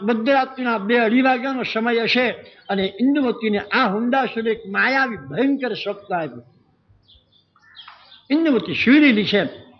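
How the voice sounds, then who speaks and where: High-voiced man telling a devotional story. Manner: dramatic storytelling, addresses listeners directly. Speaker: religious storyteller. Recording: dull lo-fi recording with faint birdsong.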